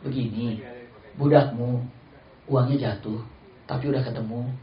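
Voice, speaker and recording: A male preacher voicing a gentle, kindly prophet who consoles a crying slave in a told story. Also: medium pitch, steady tone, measured pace, a little hiss or hum, lightly acted. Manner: soft, caring, reassuring. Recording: roomy, slightly dull recording.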